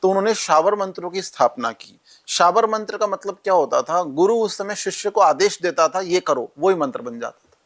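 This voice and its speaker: A man's voice: high-pitched, lively intonation, a little fast. A male astrologer guest in a podcast interview, instructively listing remedies step by step.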